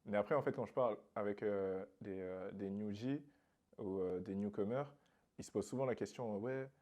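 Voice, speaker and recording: A man hosting a casual interview, relaxed and agreeable, often chiming in with agreement. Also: fairly low pitch, normal speed. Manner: relaxed, frequent backchannel agreement. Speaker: interviewer, host.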